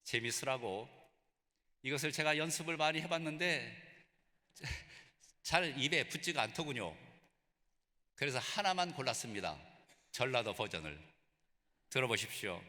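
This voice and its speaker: A man's voice: medium pitch, lively intonation, moderate pace, long pauses, bright, forceful tone. A man preaching a sermon at a graduation ceremony, telling stories earnestly. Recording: reverberant hall.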